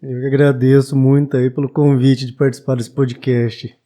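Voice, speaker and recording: A man's voice: mid-range voice, level tone, moderate pace, dark tone. A man in his late twenties from Brazil, a bookshop owner talking reflectively as a podcast guest, with hesitant restarts. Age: 20s. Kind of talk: casual podcast interview.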